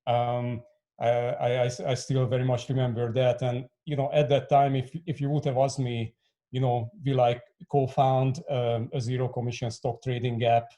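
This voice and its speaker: A man in his forties from Hungary speaks as a podcast guest with a mellow, warm tone. He stumbles into his sentences with repeated words and fillers, at an easy middle pitch. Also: little pitch movement, normal speed. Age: 40s. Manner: many restarts and fillers, stammering repeats. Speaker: guest, fintech co-founder. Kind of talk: podcast interview.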